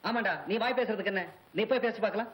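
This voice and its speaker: A man's voice: sits high, rapid-fire, a little hiss or hum, close to an everyday voice, low-quality recording. An actor playing a young man who nervously urges his friend on in an old film comedy. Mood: urging. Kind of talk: 1980s film comedy acting.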